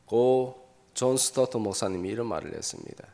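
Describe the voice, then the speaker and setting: A man's voice: medium pitch, moderate pace, dark tone. A man preaching a Sunday sermon as pastor, posing rhetorical questions and answering them himself. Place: church sanctuary. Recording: long hall reverb from a church.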